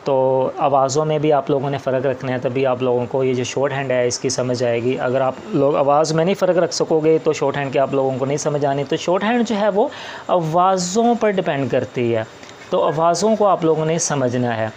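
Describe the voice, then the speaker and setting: A man's voice: fairly high pitch, a little fast, darkish tone, a little hiss or hum. A man teaching shorthand step by step, patient and repetitive, often opening with "ji". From Pakistan. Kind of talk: slow step-by-step classroom explanation.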